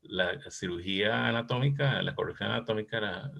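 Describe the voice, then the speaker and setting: A man's voice: lowish voice, brisk, gravelly, fairly bright tone, husky. A man, a cardiologist thoughtfully discussing a case in an academic session and reminiscing with some hesitation. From Costa Rica.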